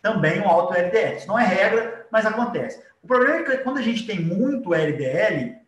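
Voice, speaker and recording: A man's voice: high voice, expressive, fairly quick, a bit bright, far from the mic. A man with a Brazilian accent giving an informal, explanatory lecture as a teacher, often checking in with short tag questions. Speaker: biology teacher. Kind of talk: informal live lecture with drawing. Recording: echoey room.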